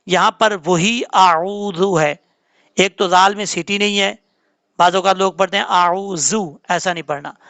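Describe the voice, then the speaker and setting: A man teaching Quran recitation rules in a tajweed lesson, spelling out letters and then reciting them slowly and drawn out. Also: high-pitched, gravelly, fairly bright tone, dry recording. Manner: patient, drawn-out chanted recitation between quick explanations.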